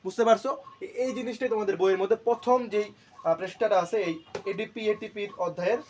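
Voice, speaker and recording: Male teacher, high-pitched, lecture style, drills terms by asking and answering his own questions. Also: quick pace, a little hiss or hum. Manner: repeats key terms to drill them. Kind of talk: classroom lecture.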